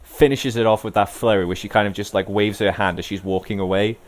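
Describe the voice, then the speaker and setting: A man co-hosting a casual review podcast with a deep, low voice. He rambles enthusiastically, peppering his talk with "like.". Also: fairly even intonation, fast. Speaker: podcast co-host.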